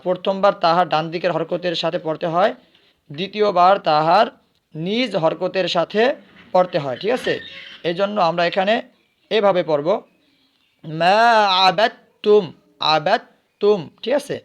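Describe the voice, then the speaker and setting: Man, recitation teacher, high-pitched voice, spells words out letter by letter, chants slowly. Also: lo-fi sound. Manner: asks questions and answers them himself; breaks words into letters and vowel marks, then chants them slowly.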